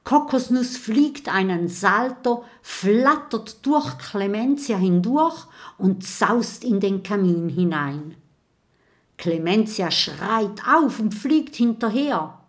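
Slow, dramatic woman storyteller. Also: mid-range voice, animated. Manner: measured, dramatic read-aloud delivery. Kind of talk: children's story narration.

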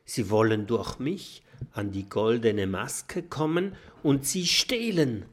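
A man's voice: mid-range voice, animated, slow. A man doing a jittery whispering professor. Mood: fearful whisper. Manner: whispering, secretive. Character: nervous timid male professor, adult.

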